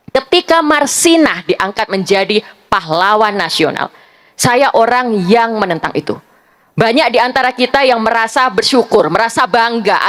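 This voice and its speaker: Higher-voiced young woman arguing at a forum. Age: young adult. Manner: measured, argumentative, building points one by one. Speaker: panelist, civic activist. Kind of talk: public forum speech.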